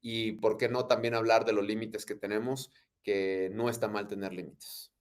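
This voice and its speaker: A man's voice: fairly low pitch, fairly even intonation, normal speed. Mexican guy in his 30s, interview guest, easygoing and thoughtful, jokes around a bit. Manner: warm, reflective, joking. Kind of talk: casual interview.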